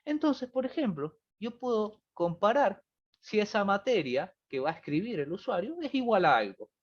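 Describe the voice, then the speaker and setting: A man teaching a programming class over a video call, his pitch rising and falling a lot as he talks. The audio is muffled and lo-fi. He explains patiently and keeps checking that students follow. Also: sing-song, normal speed. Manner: explanatory, repeats "fíjense" and "¿bien?". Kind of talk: online review class.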